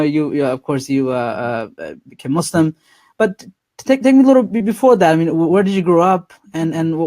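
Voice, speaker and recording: A male interview host with a somewhat raised voice, recorded close and dry with no room sound. He talks haltingly, doubling words and restarting as he feels his way toward each question. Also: on the high side, a little mellow, no room sound. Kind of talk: interview conversation.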